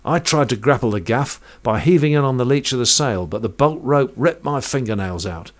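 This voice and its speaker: A man narrating a first-person sea story in a vivid, measured way, rich with sailing terms. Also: medium pitch, lively intonation.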